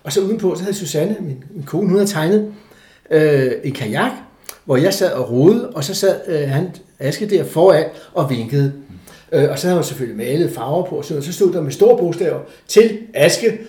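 An older man telling a story from his life in a casual interview, animated, acting out the voices of the people in it. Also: a little high. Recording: echoey room.

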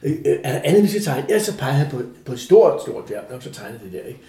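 An older man telling a story from his life in a casual interview, animated, acting out the voices of the people in it. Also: medium pitch. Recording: echoey room.

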